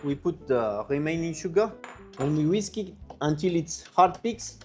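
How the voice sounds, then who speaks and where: A man playing an excitable French chef with a French accent, giving a casual, exclamatory step-by-step cooking tutorial. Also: on the high side, moderate pace, soft background music, natural voice. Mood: instructive, encouraging. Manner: exclamatory, sprinkles in French interjections and kitchen sound words. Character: excitable French chef, a man, teaching soufflé with fussy delight. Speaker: cooking show presenter.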